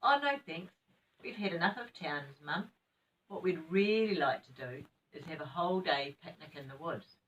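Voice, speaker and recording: A woman's voice: deep voice, animated, normal speed, fairly bright tone, recorded from a distance, lo-fi sound. Sweet old lady voicing eager children, New Zealand accent. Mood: keen, polite. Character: eager young children planning a secret adventure.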